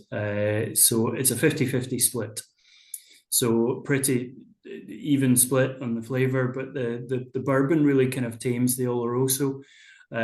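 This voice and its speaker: A man's voice: mid-range voice, a little mellow, roomy sound. A man hosting a whisky tasting over a video call, chatty and explanatory with frequent fillers. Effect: video call audio. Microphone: computer mic on a video call.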